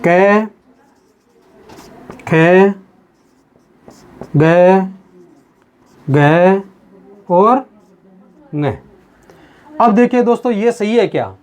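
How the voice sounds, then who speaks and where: A man teaching a grammar lesson on video. He talks slowly and repeats himself, calls the viewers his friends, and asks questions that he then answers himself. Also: high voice, darkish tone. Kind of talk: video lesson explaining at a board.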